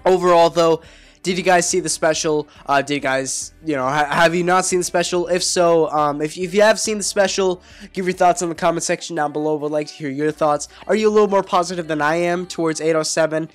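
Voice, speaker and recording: A man reviewing an anime episode in a casual video, his voice hoarse from being sick, rambling with lots of fillers and restarts. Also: fairly high pitch, steady tone, a little fast, faint music behind. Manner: rambling, filler-heavy, self-correcting.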